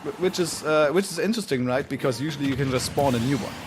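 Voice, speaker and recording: A man calling play-by-play for an online fighting-game tournament in an energetic way, with frequent fillers. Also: medium pitch, fast talker, noisy background. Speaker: play-by-play commentator. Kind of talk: esports commentary.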